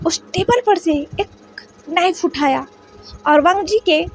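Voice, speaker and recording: A woman narrating a fan fiction story in a brisk, plain storytelling manner. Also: very high-pitched. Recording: faint background music.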